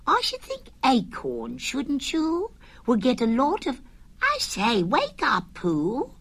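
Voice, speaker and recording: A woman voicing a small, timid male piglet in a high, fussy voice. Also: huge pitch swings, takes it slowly, a bit bright, breathy edge, full character voice. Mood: bossy.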